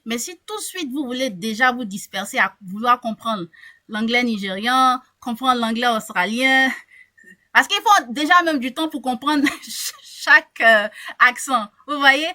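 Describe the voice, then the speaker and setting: Woman, bright voice, fairly high, lively encouraging coach, video call. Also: unhurried. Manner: lively, encouraging, repeats words when thinking. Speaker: English coach. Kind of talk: online group coaching session.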